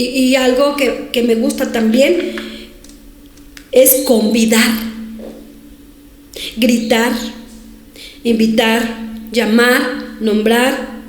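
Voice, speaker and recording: High-voiced woman pastor preaching slowly. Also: roomy sound. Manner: emphatic preaching, repeating words, rising to shouts on prayers. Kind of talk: sermon. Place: church hall, streamed to viewers.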